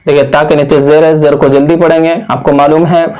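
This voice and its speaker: A man's voice: fairly high pitch, little pitch movement, brisk, darkish tone, poor audio. Patient man teaching Quran recitation. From India. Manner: patient, repetitive, drawing out long vowels. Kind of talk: slow spelled-out recitation lesson.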